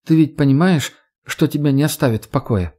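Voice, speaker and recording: A man's voice: on the high side, fairly quick, warm tone, lightly acted. Anfisa, a man voicing a mocking young woman. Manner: teasing, brash, swearing.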